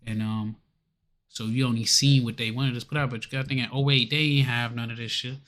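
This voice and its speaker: A man's voice: medium pitch, fairly even intonation, quick pace, a bit bright. Laid-back male podcast co-host. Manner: laid-back and conversational, with slang. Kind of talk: casual chat.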